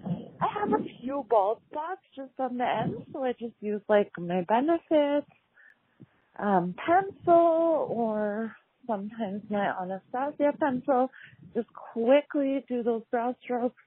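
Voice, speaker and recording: A woman's voice: fairly high pitch, expressive, slow pace, husky, no echo. A woman leaving a chatty, rambling voicemail over the phone, as though walking or driving. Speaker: caller. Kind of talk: casual phone message. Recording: tinny phone-line voicemail.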